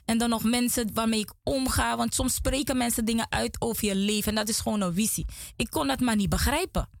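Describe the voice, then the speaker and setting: A woman's voice: fairly high pitch, a little fast, gravelly, dry recording, clean studio sound. Earnest woman giving a church testimony. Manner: emotional, earnest, repeats words. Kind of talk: religious testimony. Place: small studio.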